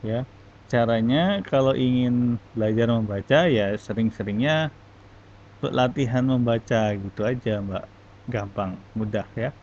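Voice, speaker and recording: A man, teaching an online English class and giving feedback in a slow, halting way. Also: mid-range voice, darkish tone, muffled recording, slight background noise. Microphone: online class audio.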